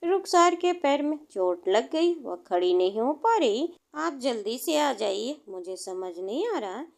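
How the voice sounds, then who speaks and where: A woman's voice: fairly high pitch, sing-song, a little slow, creaky, heavily acted. Sneha, a fussing caring young woman, read by a woman narrator. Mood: flustered. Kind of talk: storybook reading in Hindi.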